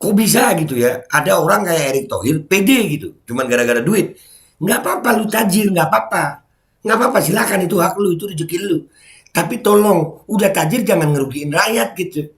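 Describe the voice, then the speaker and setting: A middle-aged man, heated and mocking, ranting as a commentary YouTuber and shouting when angry. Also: high-pitched, lively intonation, fairly quick.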